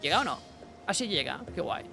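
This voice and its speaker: A young man giving casual let's-play commentary, excitable, talking to himself and his chat with bursts of yelps. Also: fairly high pitch, brisk, creaky, over music. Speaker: gaming streamer.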